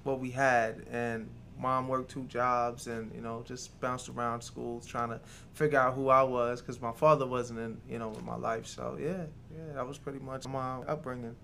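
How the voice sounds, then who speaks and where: A man's voice: mid-range voice, level tone, moderate pace, gravelly, few pauses, fairly bright tone, a little hiss or hum. A man from Jamaica, raised in New York City, a restaurant co-founder talking as a guest in a reflective, filler-heavy way. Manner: reflective, lots of "you know". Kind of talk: casual interview chat.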